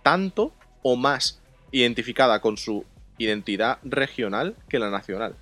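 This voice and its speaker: A man chatting on a casual podcast, animated, laughing and swearing freely. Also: medium pitch, moderate pace, faint music behind.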